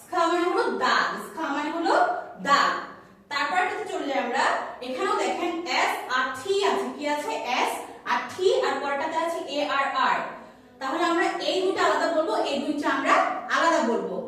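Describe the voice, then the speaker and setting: A woman's voice: high-pitched, lively intonation, normal speed, bright, forceful tone. A woman teacher giving a children's phonics lesson, patiently repeating sounds and asking and answering her own questions. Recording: very echoey room, voice far from mic.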